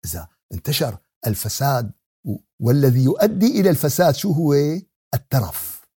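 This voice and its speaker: Male preacher, Syrian Arabic accent. Mellow, husky voice; didactic yet conversational Quran teaching, with rhetorical questions and repeated key words. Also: medium pitch, no echo, studio quality. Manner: conversational, with everyday examples and acted exchanges. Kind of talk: religious lesson on Quran exegesis, mixing classical recitation with colloquial talk.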